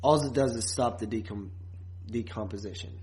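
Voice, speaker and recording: A man with a lowish, darkish voice co-hosts a podcast at a moderate pace, chatting casually and slangily while reviewing a TV series. The audio quality is poor.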